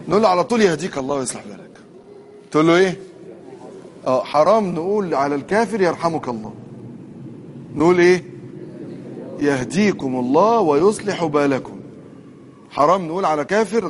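Egyptian male preacher, rapid and lively, quizzing the congregation; slightly high pitch. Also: a little hiss or hum. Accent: Egyptian Arabic. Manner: lively, quizzes the audience with questions. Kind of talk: colloquial sermon.

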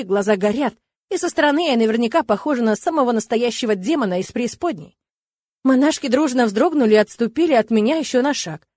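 A young woman tells a first-person fantasy tale in a lively, wry voice. Her voice is on the high side and sounds dry and close, with no room around it. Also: dry recording. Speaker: audiobook narrator.

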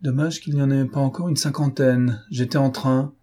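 A man reading an audiobook voices a cocky adult gentleman thief who mocks and commands, his voice rising sharply on orders. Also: medium pitch, steady tone, moderate pace, breathy edge, pitched above the performer's own voice, natural voice. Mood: mocking. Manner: mocking, commanding, with raised voice in orders.

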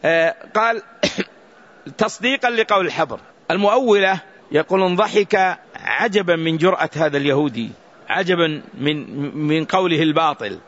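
A man's voice: fairly high pitch, expressive, moderate pace, long pauses, fairly bright tone. A man teaching a religious text, explaining it and repeating words to drill their pronunciation. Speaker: Islamic scholar teaching a book. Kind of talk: religious lesson commentary. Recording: dull lo-fi recording.

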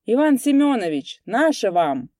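A woman voicing a blustering, tipsy village elder who exclaims loudly and raises his voice high. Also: normal speed, dry recording, clean studio sound, close to an everyday voice. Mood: hearty.

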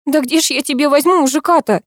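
A woman's voice: on the high side, lively intonation, a little mellow, dry recording, studio quality, voice pushed up. Woman doing a flustered young office woman. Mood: exasperated. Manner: pleading, impulsive, quick to panic.

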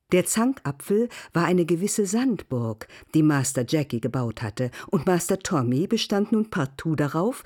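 A narrator giving a measured, softly expressive literary radio reading. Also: mid-range voice.

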